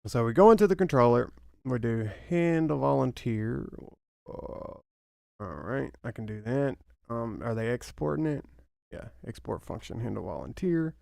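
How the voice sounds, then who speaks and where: A man's voice: medium pitch, lively intonation, moderate pace, creaky, darkish tone, no echo. A young man with a Southern US accent, thinking aloud and swearing at his mistakes as he writes code. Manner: muttering to himself, swearing at mistakes. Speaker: programmer streaming his work. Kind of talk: thinking aloud while coding.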